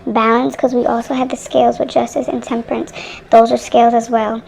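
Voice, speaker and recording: A young woman gives a tarot reading, speaking directly to her viewers in a rambling, chatty style. Her slightly high voice has a gravelly fry, a darkish tone and a flat, fairly quick delivery. It's a rough phone-mic recording with a little hiss or hum.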